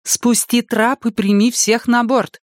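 Young woman leader, done by a man: high, brisk, imperative, dry recording. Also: lively intonation, no echo. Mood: commanding. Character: young woman, decisive commanding leader with lively exclamations. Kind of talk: audiobook character reading.

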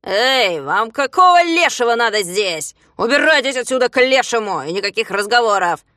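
A woman voicing an angry male police commander who yells threats. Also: fairly high pitch, sing-song, moderate pace, no room sound, clean studio sound. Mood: yelling. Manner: shouting, shrieking threats.

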